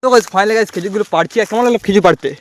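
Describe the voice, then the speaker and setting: A young man narrating an outdoor forest vlog, excitable and constantly calling out "bhai". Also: high-pitched, very fast, very noisy. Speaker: vlogger. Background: music.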